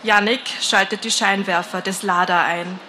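A woman narrating a first-person story in a calm, measured, atmospheric reading. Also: mid-range voice, slight background noise, rough recording.

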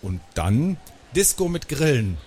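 A man's voice: mid-range voice, very animated, unhurried, dark tone, faint music behind, pitched above the performer's own voice. A man reading aloud, voicing a laid-back, greedy schoolboy with an offhand way of talking.

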